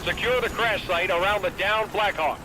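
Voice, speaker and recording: A man's voice: high-pitched, normal speed. A man playing a clipped, authoritative military commander on the radio in a shooter game. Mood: brisk, commanding. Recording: radio transmission with battle noise.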